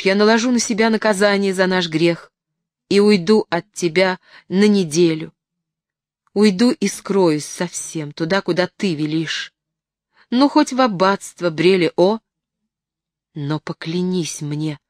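A woman's voice: lowish voice, a little slow, no room sound, clean studio sound, natural voice. Anguished young lover, as a woman reader voices him. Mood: desperate pleading. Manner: pleading, emotional. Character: young man, tutor, anguished secret lover.

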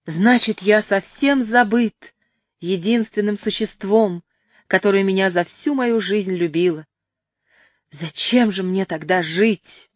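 A woman's voice: fairly low pitch, measured pace, no room sound, studio quality. A woman reading as a pleading young lover. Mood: despairing. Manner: pleading, emotional. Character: passionate young male lover, pleading and tearful. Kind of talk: audiobook reading.

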